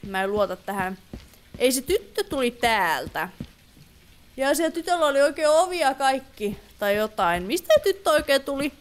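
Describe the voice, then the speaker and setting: A woman's voice: high voice, big pitch swings. A woman giving casual let's play commentary on a horror game, chatty and easily startled. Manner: chatty, easily startled, mixes English exclamations. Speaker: gaming YouTuber.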